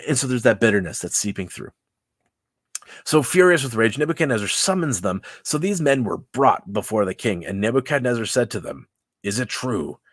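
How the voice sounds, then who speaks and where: A man's voice: medium pitch, lively intonation, moderate pace, a bit bright, no room sound. A man leading a casual Bible study livestream, chatty and loose, often laughing and tossing in "like" and "right?". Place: church livestream.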